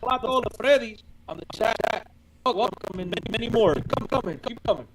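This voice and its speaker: A man's voice: high voice, animated, fairly quick. A man co-hosting a podcast in casual chat, his mic audio clipping and breaking up, with short repeated exclamations. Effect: clipping, breaking-up distorted mic audio. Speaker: podcast co-host. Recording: distant, noisy, clipping mic with clicks.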